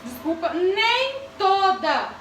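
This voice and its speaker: A woman's voice: very high voice, very animated, slow, fairly bright tone, slight background noise. A woman teacher giving a grammar lesson to children, asking the class questions and calling on pupils by name. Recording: echoey classroom from far off.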